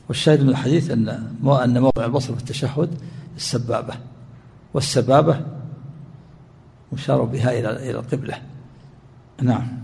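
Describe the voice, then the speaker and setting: A man's voice: mid-range voice, vocal fry, darkish tone, in a large hall, slight background noise. A man explaining a hadith in a classical religious lesson, repeating word forms as he teaches. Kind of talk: classical Islamic lesson commentary.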